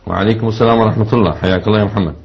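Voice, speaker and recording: A man with an Iraqi accent hosting a call-in religious question show, with brisk, clipped acknowledgements. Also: on the low side, vocal fry. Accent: Iraqi Arabic. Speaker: radio call-in host. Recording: dull muffled broadcast sound.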